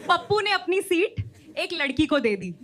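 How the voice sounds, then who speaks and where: Woman, joke narration, high voice, chuckling delivery, loud background noise. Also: very animated, moderate pace. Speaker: joke teller. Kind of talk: narrating short jokes.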